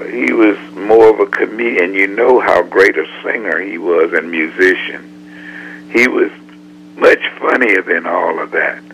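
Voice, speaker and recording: An older man, a veteran musician, telling stories slowly in an interview and clearing his throat. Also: on the low side, a bit bright, slight background noise, rough recording. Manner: slow, throat-clearing storyteller. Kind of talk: storytelling in an interview.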